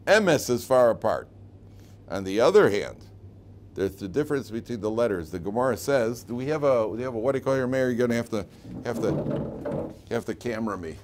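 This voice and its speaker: Questioning rabbi teaching, noisy recording. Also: male voice, medium pitch, brisk, darkish tone. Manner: questioning, asks and answers his own questions; emphatic, repeats key phrases. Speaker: rabbi giving a class. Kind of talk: informal Torah lesson to a small group. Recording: clearly noisy room recording.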